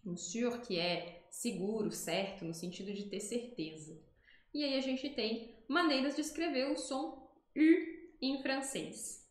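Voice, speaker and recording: A woman from Brazil teaching an online French lesson, her voice sitting a little high. She explains each sound patiently and slowly repeats the words so learners can copy them. The room around her microphone gives a noticeable echo. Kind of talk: online language lesson with screen demonstrations.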